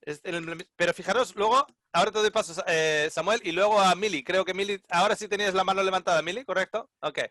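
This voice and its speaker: Bright-voiced Spanish man teaching Bible. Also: sits high, fast talker, hardly any pauses, no room sound, clean studio sound. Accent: Spain Spanish. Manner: animated, repeats words, calls on participants. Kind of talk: group Bible seminar teaching.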